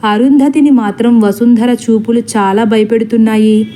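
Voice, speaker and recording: A woman narrating a horror story in a steady, dramatic storytelling manner. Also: on the high side, normal speed.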